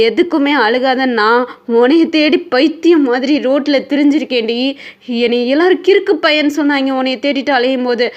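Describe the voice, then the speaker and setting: A man's voice: extremely high pitch, lo-fi sound. A woman voicing a possessive young male kidnapper who keeps pleading with his wife, in an insistent, repetitive way. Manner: insistent, repeating lines over and over.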